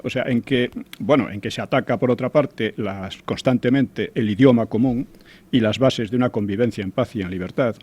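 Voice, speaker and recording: Older male commentator, halting delivery, mid-pitched voice. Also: darkish tone, breathy edge. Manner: hesitant, with frequent restarts and tag questions. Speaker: historian guest commentator. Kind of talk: conversational radio commentary.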